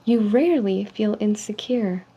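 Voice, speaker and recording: A soft-spoken woman with a mellow, hushed, mid-range voice and a breathy edge plays a call center agent in an ASMR role-play, reading out statements from a personality survey. Her manner is polite and measured, like customer service. The recording is dull and lo-fi with faint noise.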